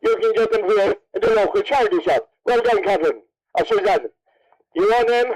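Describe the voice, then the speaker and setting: Over a public address at the races, a Cavan man emcees the best dressed contest, teasing and joking as he announces and interviews. His voice sits high and a little mellow, and he speaks a little fast on a poor recording.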